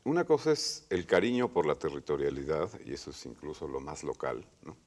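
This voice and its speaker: Mexican male academic panelist, deep and animated. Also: a little fast. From Puebla, Mexico. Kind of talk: panel discussion.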